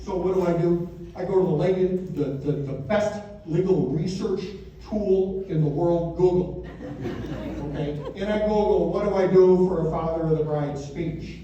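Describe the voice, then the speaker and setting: A man's voice: sits high, unhurried, warm tone, lo-fi sound. An American man in his fifties or sixties giving a joking, conversational father of the bride speech at a wedding reception, landing his punchlines with emphasis. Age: 50s or 60s. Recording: echoey room from far off, noisy.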